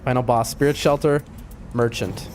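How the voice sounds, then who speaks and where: A man's voice: medium pitch, fairly even intonation, normal speed, a little hiss or hum. A man who sounds sick, giving casual live gaming commentary, thinking aloud in informal gamer slang. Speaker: video game streamer.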